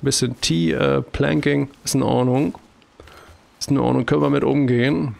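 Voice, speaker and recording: A man's voice: mid-range voice, steady tone, normal speed, vocal fry, a little mellow. A man with a German accent giving casual commentary as he plays a video game, chatty and talking to himself with jokey exclamations. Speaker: let's play host.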